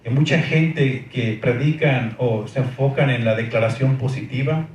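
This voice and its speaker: A man's voice: mid-range voice, moderate pace, a little mellow. A man preaching a sermon, emphatic, asking the congregation questions and often saying amén. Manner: emphatic, repeats amén, asks rhetorical questions. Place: church hall. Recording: very echoey hall, distant mic, faint noise.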